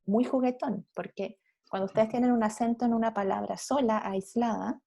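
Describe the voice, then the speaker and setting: A woman's voice: fairly high pitch, steady tone, normal speed, gravelly, warm tone. A woman, an English teacher giving feedback on a video call, correcting and explaining patiently. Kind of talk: online class feedback.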